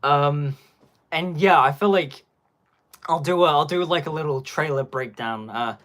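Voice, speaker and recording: A man's voice: on the high side, a little slow, fairly bright tone. A young man giving casual live-stream commentary on a phone, rambling and packing his talk with filler words.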